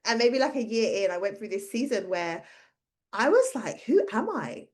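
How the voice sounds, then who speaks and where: A woman's voice: medium pitch, expressive, normal speed, darkish tone. A woman in her thirties, a career coach and podcast host, telling a personal story in casual conversation and acting out the voices she quotes.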